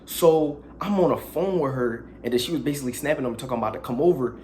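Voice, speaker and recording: A man's voice: medium pitch, fast talker, a little mellow, a little hiss or hum. A young man telling a crude, slangy story in a casual storytime vlog, with dramatic asides.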